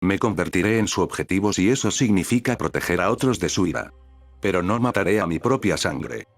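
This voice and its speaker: A man's voice: low voice, expressive, fairly quick, no echo. A man voicing a steadfast, protective fatherly man who speaks firmly and with passion. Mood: resolute. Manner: firm, impassioned, resolute.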